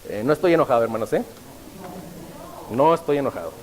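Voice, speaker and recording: A man's voice: medium pitch, animated, fast talker, darkish tone, in a large hall, poor audio. A male pastor preaching a sermon, often stopping to ask the congregation rhetorical questions.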